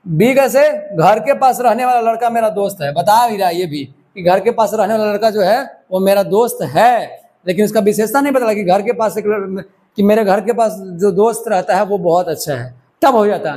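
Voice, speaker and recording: A man's voice: high-pitched, moderate pace, darkish tone. A man teaching a grammar lesson for exam preparation, talking to students in a loose, conversational way and often checking that they are following. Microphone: microphone.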